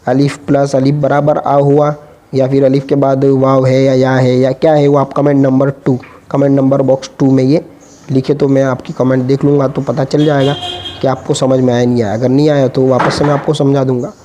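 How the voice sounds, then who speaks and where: A man teaching Urdu reading, patiently sounding out letters and syllables one at a time in a slow, spelled-out lesson. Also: mid-range voice, flat delivery, mellow, a little hiss or hum.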